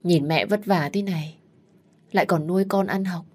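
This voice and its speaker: A woman's voice: moderate pace, a little mellow, natural voice. Woman doing a pleading young sister. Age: young adult. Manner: pleading, childlike, raised pitch. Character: earnest younger sister, a student.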